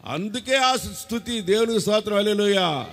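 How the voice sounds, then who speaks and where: A man with a Telugu accent preaching to a congregation in a lively, animated voice that sits fairly high. He teases the crowd, quizzes them and calls for loud responses. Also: moderate pace, long reverb tail. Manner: lively, teasing, quizzes the crowd and breaks into song. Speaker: pastor. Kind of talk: sermon with congregation call-and-response.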